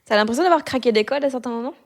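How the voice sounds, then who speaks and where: A woman hosting a casual podcast interview, relaxed and slangy, laughing often. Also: on the high side, racing. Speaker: podcast host.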